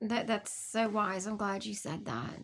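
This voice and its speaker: A woman's voice: mid-range voice, measured pace, slight background noise. A middle-aged woman, hosting a podcast and telling an emotional story. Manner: animated storyteller, emotional and laughing. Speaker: podcast host. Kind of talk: casual heartfelt chat.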